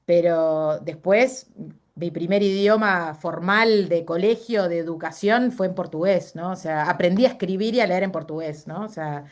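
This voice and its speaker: A middle-aged woman's voice, on the low side and at a moderate pace, carries a Uruguayan Spanish accent. She is being interviewed casually and tells personal stories, frequently correcting herself and using fillers.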